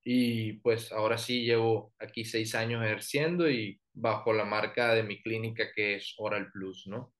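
Colombian coastal man, relaxed and hesitant. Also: on the low side, a little slow, few pauses. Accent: Colombian Caribbean coast. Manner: relaxed, frequent fillers and restarts. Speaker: orthodontist guest. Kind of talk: professional interview and presentation.

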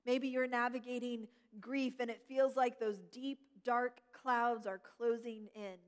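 A middle-aged woman pastor delivers a gentle, reflective sermon in a high, light voice. She slows down to lean on key words. Her voice carries a long reverb tail, as in a large church hall. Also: little pitch movement, smooth.

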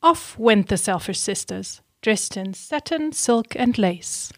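A woman reading a rhyming children's storybook aloud, slowly and clearly, then asking the listener questions. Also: medium pitch, lively intonation, no echo, studio quality.

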